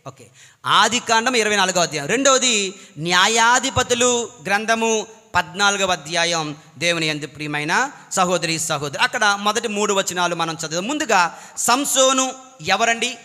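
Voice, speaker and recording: A man's voice: high voice, normal speed, sharp tone, in a large hall. A male priest preaching a sermon, repeating phrases and leading the congregation in call-and-response. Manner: dramatic rising refrains.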